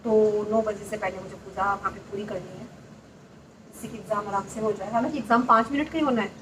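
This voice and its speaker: A soft-spoken woman in her thirties chatting casually and confidingly to her viewers in a home vlog. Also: mid-range voice, quick pace. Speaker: vlogger. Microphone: clip-on mic, often away from it. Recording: roomy, distant, noisy home recording. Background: machine running on the gas stove.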